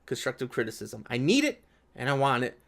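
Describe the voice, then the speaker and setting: Pitched in the middle range, this man's sing-song voice is creaky, fairly bright, and a touch fast. As a video creator responding to an article, he alternates reading it aloud with loose, sarcastic remarks delivered in an exasperated, profane manner.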